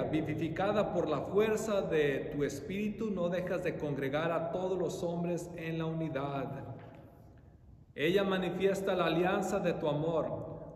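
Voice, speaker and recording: A male priest with a higher, slightly mellow voice recites a solemn liturgical prayer in measured, formal ritual phrasing. He is inside a large, reverberant church, and the recording echoes through the hall with a faint low rumble.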